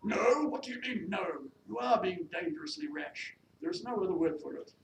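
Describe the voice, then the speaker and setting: Pushing a gravelly, medium-pitched voice upward, the reader plays a peevish, haughty gentry widow who scolds with formal, bossy indignation, as in a period novel. The pace is moderate and the tone animated, while the distant mic picks up a noisy, echoing room.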